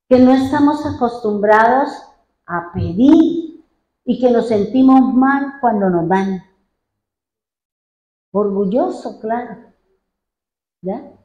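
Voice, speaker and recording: A middle-aged woman pastor preaches with fervor, drawing out her emphatic phrases. Her voice sits fairly high yet sounds dark and mellow. The sermon rings through an echoey church room. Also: dull audio. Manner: fervent preaching, drawn-out emphatic phrases, addresses listeners as brother.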